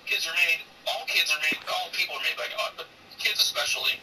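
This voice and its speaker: A woman's voice: low-pitched, fast, far from the mic, heavy background noise. A woman in her forties chatting casually while streaming a game, blunt and profane and teasing, turning preachy when she talks about faith. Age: 40s. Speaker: gaming streamer.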